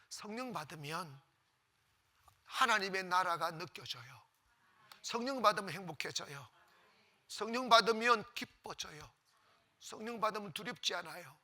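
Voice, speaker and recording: Brief: man pastor, emphatic sermon, lively pitch, loud-to-whisper swings. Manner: swings between loud exclamations and near-whispers; emphatic, repeats phrases for effect.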